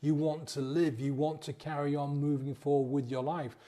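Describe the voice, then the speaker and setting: A coach talks straight to his listeners, chatty and conversational. His voice sits a little high but sounds mellow and soft. He keeps tagging his points with a quick "yeah?". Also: little pitch movement. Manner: conversational, acts out inner voices, frequent "yeah?" tags. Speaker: sobriety coach. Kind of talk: motivational talk to camera.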